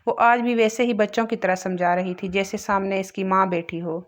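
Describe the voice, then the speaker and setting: A woman narrating a romance novel aloud in a steady, emotive storytelling manner. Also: mid-range voice, normal speed. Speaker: audiobook narrator.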